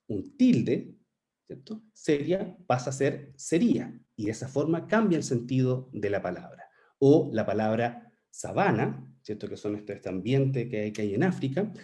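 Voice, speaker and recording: A man delivers a scientific lecture at a conference. His pitch rises and falls freely as he explains, and his tone is mellow and warm. He keeps checking in with his listeners and sometimes restarts a phrase. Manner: explanatory, with frequent rhetorical "¿cierto?" checks; occasional restarts and "eh" fillers. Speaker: conference speaker, researcher.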